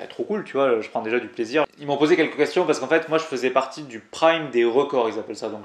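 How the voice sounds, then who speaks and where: A man's voice: medium pitch, reverberant. Chatty young man with a Toulouse accent. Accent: Toulouse, southern French. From southern France. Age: 20s. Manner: chatty and slangy, addressing viewers directly. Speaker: climbing YouTuber. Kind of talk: casual storytelling vlog.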